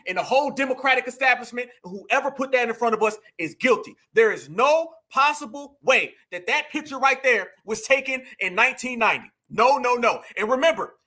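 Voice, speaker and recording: A man's voice: very high-pitched, pushed and bright. A man delivering emphatic political commentary, preaching to his viewers and calling them family. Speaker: commentary vlogger.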